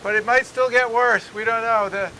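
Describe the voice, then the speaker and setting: A man's voice: very high-pitched, steady tone, normal speed, sharp tone. A man giving a loose, ad-libbed live weather report from outdoors on a city street. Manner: loose, rambling, ad-libbed delivery. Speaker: amateur storm reporter. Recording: windy outdoor mic noise. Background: gusting wind.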